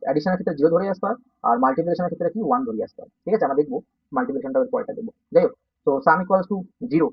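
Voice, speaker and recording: A man teaching a coding lesson in a Bengali accent, speaking softly because of a sore throat and often checking that students follow. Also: a little high, husky, dry recording. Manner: informal, checks understanding often. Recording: dull, dry, slightly distant.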